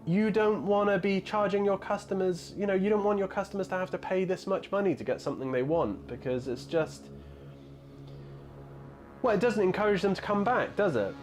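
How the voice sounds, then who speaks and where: A man's voice: high voice, animated, brisk, faint music behind. A man in his thirties chatting casually on a live stream, rambling with lots of fillers and answering viewers' messages. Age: 30s. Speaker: hobby streamer.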